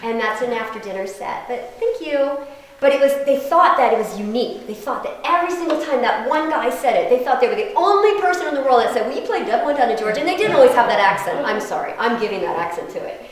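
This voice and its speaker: A woman's voice: fairly high pitch, animated, quick pace. A woman violinist chatting casually with a live audience between pieces, laughing and telling stories. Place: house concert venue with audience. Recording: echoey room.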